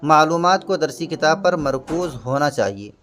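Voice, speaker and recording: A man's voice: a little high, expressive, fairly bright tone, faint music behind. Patient man explaining exam answers. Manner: patient, repeats and glosses terms. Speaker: exam prep teacher.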